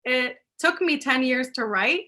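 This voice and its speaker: High-pitched and lively in intonation, a woman from Puerto Rico speaks unhurriedly in a bright, forceful tone. She's an author chatting casually with her audience over a video call, fielding their questions in a live Q&A. Laughter comes often, and she slips in Spanish words.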